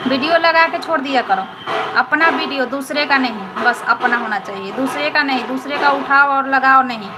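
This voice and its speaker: Against a noisy background, a high-voiced woman from Patna in Bihar talks at a normal speed while replying to comments on her live stream. She's casual and chatty, says things more than once, and keeps checking with "understood?"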